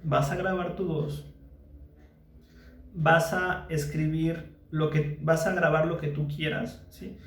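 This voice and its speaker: A man with a fairly high, gravelly voice, recorded in an echoey room. He is a psychologist guiding a mindfulness lesson. He is patient and repeats himself, checking in with the listener all the time. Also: little pitch movement, slow. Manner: patient, repeats phrases and checks in with frequent questions.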